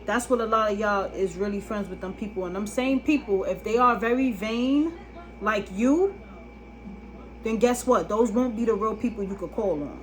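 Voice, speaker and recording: A woman's voice: mid-range voice, normal speed, slight background noise, low-quality recording. A woman vlogging a casual monologue to camera, blunt and emphatic, often asking if you understand. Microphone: phone camera.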